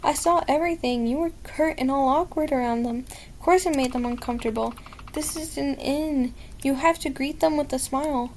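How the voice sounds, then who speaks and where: A woman's voice: high voice, normal speed, a little mellow, slight background noise. A woman voicing an impatient inn boss scolding a shy worker in a game. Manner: scolding, exasperated.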